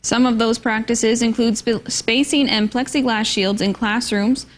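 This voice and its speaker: A female news anchor reading scripted local news in a crisp, measured way. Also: on the high side, steady tone.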